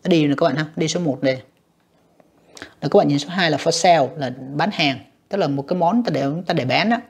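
A man walks students through an exam in a slightly husky voice, repeating himself and calling to the class often. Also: a little high, brisk. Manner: repetitive, addresses students directly with many fillers. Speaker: English teacher. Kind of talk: exam walkthrough lesson.

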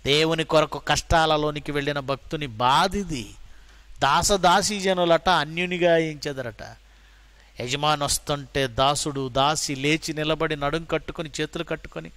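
A man with a Telugu accent preaching a sermon, asking rhetorical questions and quoting Bible verses dramatically, moving between loud and soft. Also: fairly high pitch, no echo. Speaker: pastor.

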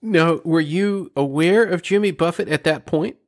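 A man's voice: fairly high pitch, normal speed. A man hosting an interview, asking curious questions. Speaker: podcast host.

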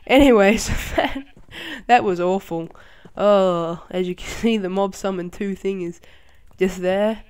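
Excitable chatty game tutorial host. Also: medium pitch, clean tone. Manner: excitable, quick to laugh and exclaim; chatty, rambling with fillers. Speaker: channel host. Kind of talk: casual game tutorial commentary.

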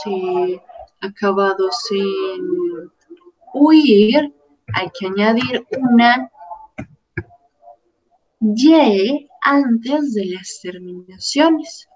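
A woman's voice: fairly high pitch, a little mellow, muffled recording. A woman teaching a grammar lesson, carefully drilling verb forms one by one. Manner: careful, drilling word lists. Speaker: Spanish teacher.

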